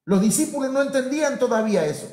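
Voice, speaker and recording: A man's voice: very high-pitched, animated, quick pace, a little mellow, reverberant. A man, a pastor, preaching a sermon full of rhetorical questions and acted-out quotes.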